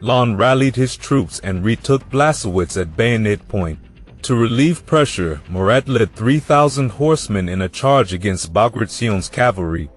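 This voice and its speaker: A man reading a scripted history narration in an even, measured storytelling way. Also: fairly low pitch, husky. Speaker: documentary narrator.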